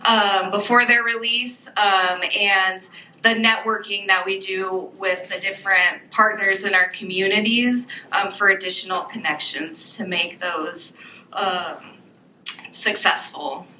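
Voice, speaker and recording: A woman's voice: medium pitch, fairly even intonation, measured pace, sharp tone, a little hiss or hum. A woman giving an informal conference presentation as a workforce agency presenter. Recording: echoey room with background ambience.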